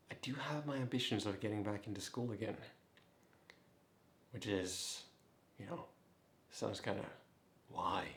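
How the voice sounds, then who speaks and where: A man's voice: mid-range voice, echoey room. A man in his twenties chatting casually in a vlog, rambling and making fun of himself as he goes. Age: 20s. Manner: rambling, self-mocking asides. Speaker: vlogger.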